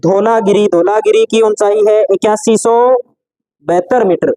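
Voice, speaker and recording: Male teacher dictating notes slowly. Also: high-pitched, fairly even intonation, mellow, dry recording, low-quality recording. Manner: repeats key phrases slowly for note-taking. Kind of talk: classroom lecture dictating notes.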